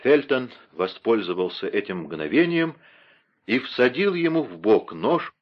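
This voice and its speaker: A man narrating a classic adventure novel in an expressive, dramatic literary reading. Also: medium pitch, unhurried, lo-fi sound. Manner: dramatic, steady storytelling. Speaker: audiobook narrator.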